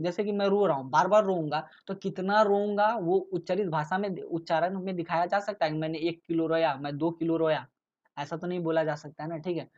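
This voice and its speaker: A tutor gives a casual lecture on exam topics, leaning on rhetorical questions and frequent check-ins, often adding "ठीक है". His voice is high-pitched and a little mellow, and the audio sounds dull.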